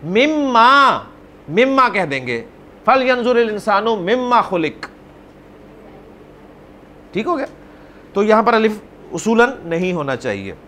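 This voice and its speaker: A man teaching an Arabic grammar class, explaining patiently, calling on students by name and repeating words slowly. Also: extremely high pitch, fairly bright tone, a little hiss or hum.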